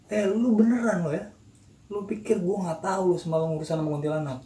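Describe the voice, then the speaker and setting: A man with a Jakarta accent voicing a young male friend who sees spirits, talking urgently with a rising pitch. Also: steady tone, fast, mellow, natural voice. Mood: accusing. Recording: roomy echo, faint noise.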